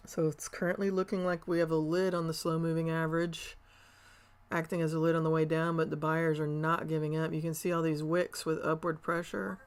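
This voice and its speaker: A middle-aged woman, commenting casually on her live trades, chatty and excitable, swearing and laughing at her own moves. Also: deep voice, a little fast, clean tone. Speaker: day trader livestreaming.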